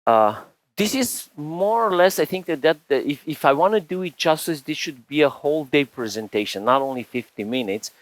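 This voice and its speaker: A man's voice: on the high side, expressive, normal speed, dry recording, poor audio. A man in his forties from Romania, giving a chatty conference tech talk on stage with lots of fillers and restarts. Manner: chatty, rambling, frequent restarts and "you know" fillers. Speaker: conference speaker.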